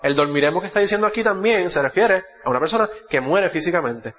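A man's voice: sits high, lively intonation, fast, a bit bright. A man with a Puerto Rican Spanish accent preaching a sermon, reading Bible verses aloud and correcting himself as he goes. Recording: muffled echoey hall.

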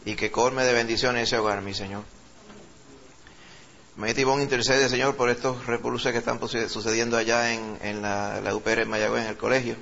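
A male pastor with a Puerto Rican accent who leads a sermon, reads scripture slowly with rising emphasis, and prays fervently, repeating "Señor" and "Padre". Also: mid-range voice, gravelly, fairly bright tone, highs cut off, a little hiss or hum. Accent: Puerto Rican Spanish. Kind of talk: sermon with scripture reading and prayer.

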